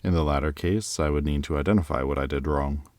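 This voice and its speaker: A man with a rumbling low, darkish voice speaks fast in a dry recording. In an audio drama he plays a polite, reflective, charming diplomat candidate giving conversational interview answers courteously and thoughtfully.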